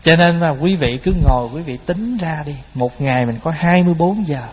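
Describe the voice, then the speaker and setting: A man's voice: a little high, a little fast, husky. A man giving a Buddhist dharma talk, telling stories in a folksy way and addressing his listeners directly. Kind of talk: sermon. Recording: hall with long reverb.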